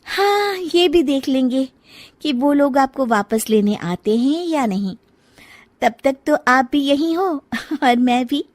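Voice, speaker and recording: An outspoken young daughter-in-law played by a woman in a family drama tale, with a highish voice. She chides and coaxes expressively, heard close in a dry recording. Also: expressive, takes it slowly, darkish tone, dry recording. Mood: taunting. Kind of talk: acted dialogue in a family audio story.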